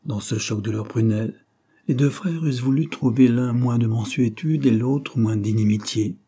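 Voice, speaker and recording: A man reading a novel aloud in measured, literary narration. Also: mid-range voice, warm tone, slightly rough. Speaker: audiobook reader.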